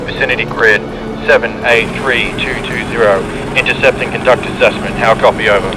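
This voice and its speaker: A man playing a calm military radio operator, giving clipped procedural calls. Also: a little fast, close to an everyday voice. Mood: businesslike. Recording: very noisy, vehicle-like rumble behind.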